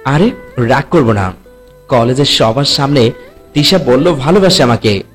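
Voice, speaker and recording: A man's voice: medium pitch, lively intonation, normal speed, soft background music, close to an everyday voice. A man playing a hot-tempered, scolding young man. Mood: brooding. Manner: curt, scolding. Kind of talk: audio drama acting.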